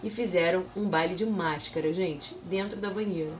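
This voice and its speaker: A woman teacher who reads a storybook aloud to children, talking directly to them in a lively way. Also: lowish voice, moderate pace, a little hiss or hum.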